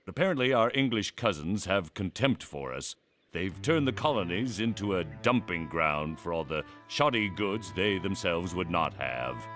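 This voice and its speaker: Cartoon colonial colonel: deep, expressive, grave and ceremonious statesman over music. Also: normal speed. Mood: indignant. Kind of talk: animated history cartoon acting. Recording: music behind the voice.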